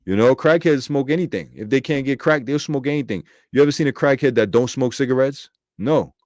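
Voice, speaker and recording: A man's voice: medium pitch, brisk, a little mellow, dry recording, studio quality. A man giving casual scripture commentary in slangy, profane street talk, thinking aloud and correcting himself as he goes. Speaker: bible commentator.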